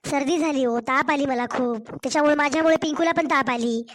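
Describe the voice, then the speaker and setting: A hoarse young wife, voiced by a woman for a cartoon story, pouring out complaints in a Marathwada Marathi accent. Her voice is high and steady. She pleads and protests. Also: fairly quick. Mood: aggrieved. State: hoarse from a cold. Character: young wife and mother, aggrieved daughter-in-law.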